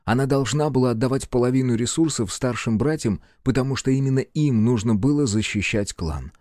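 A man narrating a novel chapter as an audiobook in steady storytelling. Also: mid-range voice, fairly quick, no room sound, clean studio sound.

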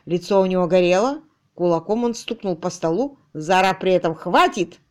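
A woman narrating an audiobook with lively, expressive storytelling. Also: fairly low pitch, a little fast.

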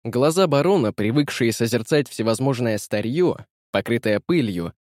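Мужчина-чтец, сухой студийный звук. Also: male voice, medium pitch, no room sound, studio quality. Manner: measured, expressive. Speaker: audiobook narrator. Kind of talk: literary audiobook reading.

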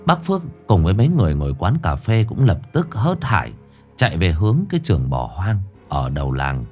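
Lively male storyteller. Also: low voice, a little fast, soft background music. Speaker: audiobook narrator. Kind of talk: storytelling narration.

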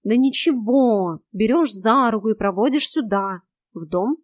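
A woman's voice: a little high, lively intonation, unhurried, no room sound. A woman voicing a grumpy, rude male house cat who scolds and carries on theatrically in a storybook. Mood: agitated.

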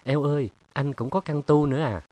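A man voicing a sharp-tongued young woman in an audiobook, teasing and sarcastic in tone. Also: lowish voice, expressive, a little fast. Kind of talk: audiobook character reading.

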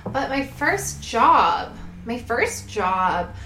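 A woman's voice: a little high, big pitch swings, very slow, bright, forceful tone. A young woman chatting casually as a podcast guest, with a bubbly, sorority-girl Valley Girl way of talking. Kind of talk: casual chat. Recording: echoey room, faint background noise.

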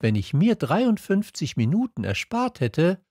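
A man's voice: a little high, very animated, a little slow, a little mellow, breathy edge, dry recording, clean studio sound, pitched above the performer's own voice, full character voice. A man raising his voice for a curious little boy prince. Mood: wondering. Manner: earnest, wondering questions. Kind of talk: audiobook character voice.

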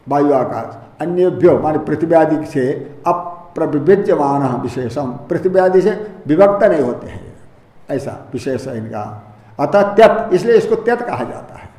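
A man with a fairly high voice delivers a slow, methodical scriptural lecture. He explains each term, repeats it and rephrases it patiently. The recording has an echo, as in a roomy hall. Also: expressive, a little mellow. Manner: explains Sanskrit terms word by word in Hindi. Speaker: Vedanta teacher.

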